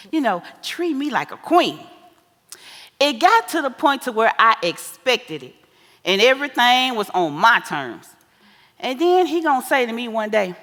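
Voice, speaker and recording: An actress plays a sassy, wise older American mother scolding and advising her married daughter in a live stage play. Her bright, high voice delivers folksy, preachy advice in an animated, theatrical way, sounding fond and boastful. The theater hall echoes with long reverb.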